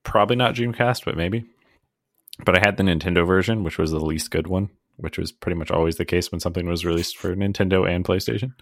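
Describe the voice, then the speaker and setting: A man with a very deep, low voice, talking in a relaxed podcast chat. He rambles good-naturedly, pokes fun at himself and breaks into laughter often. The sound is close and dry, with no room echo. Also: fast talker. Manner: chatty and self-deprecating, often laughing. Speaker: podcast co-host. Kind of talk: casual chat.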